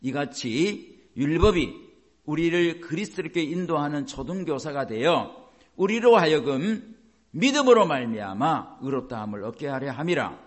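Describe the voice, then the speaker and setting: A man's voice: on the high side, expressive, normal speed. A man preaching a sermon as a pastor, explaining by asking the congregation questions and acting out quoted voices.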